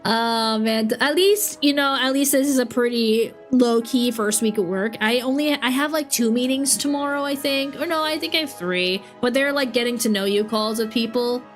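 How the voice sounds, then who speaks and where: Speaking at a moderate pace with hardly any pauses, this streamer has a voice on the high side, and faint music plays behind her. She's a young woman sick with a cold, sniffling, giggling and rambling in relaxed livestream chat at home while interrupting herself.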